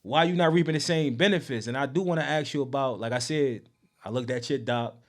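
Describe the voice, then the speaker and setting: A man's voice: mid-range voice, fairly quick. A man hosting a casual podcast interview, speaking in loose, slangy phrases and agreeing often as he listens.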